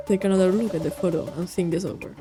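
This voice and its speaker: A woman voicing a calm, theatrical male detective, reading a visual novel aloud with measured, grandly formal questions. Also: on the low side, over music, pitched below the performer's own voice, close to an everyday voice.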